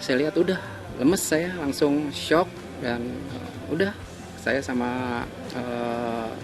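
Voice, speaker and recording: A man recounts events in a hesitant way, filling his pauses as he goes. His voice sits at a middle pitch, and music plays clearly underneath. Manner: hesitant, many fillers. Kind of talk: recounting in an interview.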